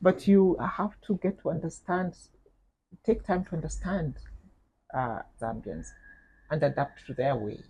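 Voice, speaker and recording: A middle-aged woman with a Kenyan accent, speaking as an interview guest in a measured, thoughtful way, with frequent fillers and repeated words. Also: deep voice, mellow, husky, rough recording. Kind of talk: reflective interview conversation.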